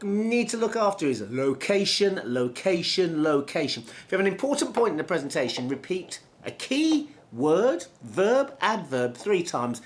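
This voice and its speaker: This is a middle-aged male trainer giving a lesson on speaking. His pitch swings widely. He demonstrates each point as he goes, drawing words out and repeating them. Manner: demonstrative, slows down and stretches words for emphasis, repeats key words. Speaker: presentation skills trainer. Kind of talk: instructional talk to camera.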